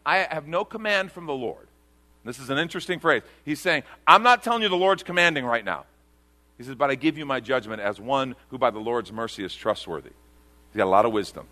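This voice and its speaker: A man delivers an earnest sermon from a church pulpit, his voice bright and forward. He reads scripture passages aloud, then drops to a hushed tone to press his point. He sounds middle-aged, speaking at an even, mid-range pitch. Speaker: pastor. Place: church sanctuary before a congregation.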